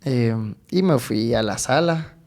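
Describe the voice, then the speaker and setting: A man's voice: medium pitch, slow pace, darkish tone. A man co-hosting a casual faith podcast, telling a personal story with frequent laughter and local slang. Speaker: podcast co-host.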